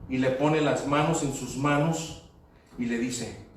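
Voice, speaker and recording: Speaking slowly in a medium-pitched voice, this pastor weaves stories into his sermon and drops in English phrases now and then. The recording carries a faint hiss or hum, and he's distant in an echoey hall.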